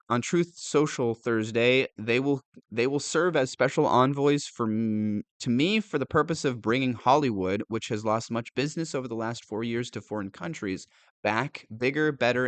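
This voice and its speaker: A man's voice: mid-range voice, normal speed, no echo. A male commentator reading news aloud and reacting with sarcastic disbelief, laughing often and stumbling over words.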